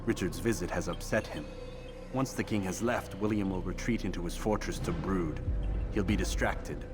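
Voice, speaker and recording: A man playing a confident, calculating assassin in a video game, speaking in a measured way. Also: sits low, over music, close to an everyday voice. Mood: coolly confident. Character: confident, calculating male assassin reporting his plan. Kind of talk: video game character acting.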